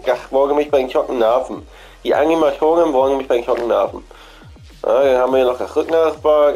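A gaming channel host with a cold chats casually while walking through an in-game shop, repeating himself and thinking aloud. His voice sits at medium pitch with a darkish tone.

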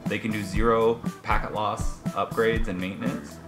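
A man's voice: fairly low pitch, little pitch movement, normal speed, music in the background, poor audio. A man guesting on a casual cooking show in a home kitchen, talking with enthusiasm.

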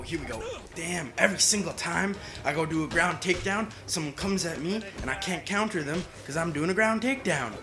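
A young man giving casual let's play commentary, playful and boastful, often exclaiming as he plays. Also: a little high. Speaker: gamer.

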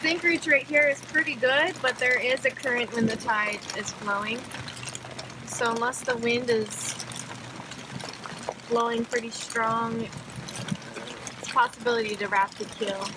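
A woman's voice: a little high, a little slow, long pauses, noisy background. A young woman chatting casually on a sailboat at sea, filmed with a camera held at arm's length. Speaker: sailing vlogger. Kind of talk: casual chat.

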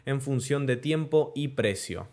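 A man's voice: mid-range voice, animated, a little mellow. Young man teaching chart trading. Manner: explanatory, checks in with "¿ok?" and "¿de acuerdo?"; slows down to stress key terms. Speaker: crypto trading instructor. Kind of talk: screen-share chart tutorial. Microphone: webcam in corner of screen recording.

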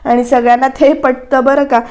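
Woman reviewer narrating an episode recap, high voice, little rise and fall, chatty retelling of scenes. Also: flat delivery, moderate pace, darkish tone, dull audio. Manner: retells scenes, quoting characters' lines in a conversational way. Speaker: TV serial reviewer.

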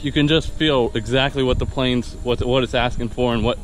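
In a low-quality recording, a young vlogger and new private pilot speaks fairly quickly in a mid-range voice with fairly even intonation. He holds an action camera at arm's length on a wooded dirt path, giving a casual, eager review that rambles with fillers and false starts.

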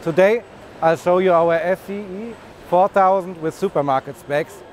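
Walking through a big, bustling trade fair hall, a man in his thirties working as a business development manager demonstrates a product, pointing and explaining along the way. He has a high, slightly mellow voice at a moderate pace, and the hall is noisy.

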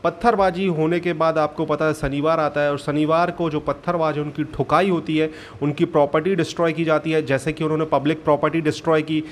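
Male reaction-video host, slightly high voice, loose and rambling delivery. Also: slight background noise. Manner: rambling, conversational, with fillers. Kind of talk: casual commentary to camera.

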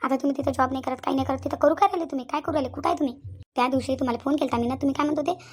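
This cartoon voice-acting clip has a woman as a young fiancée in a rage, speaking very quickly in a high voice with a Vidarbha Marathi accent and fairly even intonation. Lightly acted, she shoots off accusing questions and repeats them over and over.

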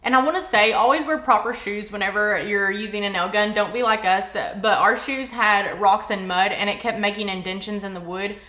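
A woman's voice: mid-range voice, brisk, hardly any pauses. Woman, 30s, homestead vlogger; casual, chatty DIY narration, mid-range voice. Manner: chatty, relaxed, lots of "like" fillers.

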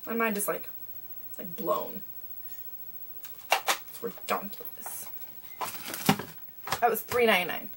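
A woman's voice: mid-range voice, takes it slowly, long pauses. A young woman from Canada talking casually in a haul video, chatty and rambling with lots of fillers, in a small bedroom. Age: young adult. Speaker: vlogger. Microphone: webcam at desk distance. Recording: webcam mic from a distance, faint hiss.

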